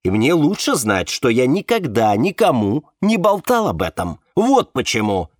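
A man reading an audiobook, voicing a tense man who keeps trying to calm others down. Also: mid-range voice, measured pace, no echo, clean studio sound. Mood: placating. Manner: soothing, persuasive, tense. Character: calm, placating man trying to control the group.

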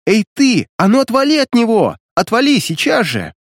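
A man voicing a young girl, loud and indignant, in a storybook reading. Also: high-pitched, animated, moderate pace, slightly rough, dry recording, studio quality, voice pushed up. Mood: outraged.

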